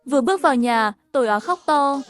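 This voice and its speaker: A woman narrating a first-person story over animation, voicing every character herself in an even storytelling manner. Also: sits high, a little fast, soft background music.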